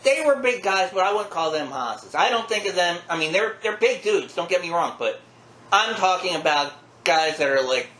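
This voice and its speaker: This man co-hosts a casual, conversational wrestling talk show as a podcast co-host. His voice is high and sharp, with lively intonation and a moderate pace. The room is echoey, with faint noise in the background.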